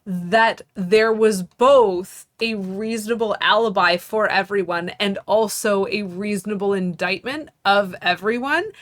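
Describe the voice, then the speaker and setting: A woman's voice: mid-range voice, a little slow, few pauses. A woman co-hosting a gaming stream, chatting in an emphatic, opinionated way. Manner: emphatic, opinionated, opens with "Listen". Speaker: co-host guest. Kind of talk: casual stream banter.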